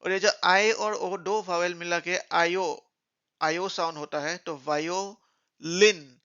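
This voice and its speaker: A man teaching beginner English in a lesson, speaking slowly and spelling words out letter by letter. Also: high-pitched, flat delivery, pushed and bright, clear, resonant tone, lo-fi sound.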